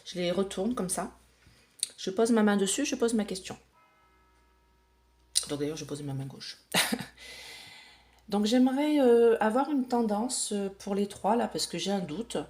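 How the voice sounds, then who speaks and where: A woman's voice: mid-range voice, animated, a little slow, pauses often, darkish tone. A woman chatting casually to camera as she lays out runes and cards for a reading, explaining each step with plenty of fillers. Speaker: psychic reader.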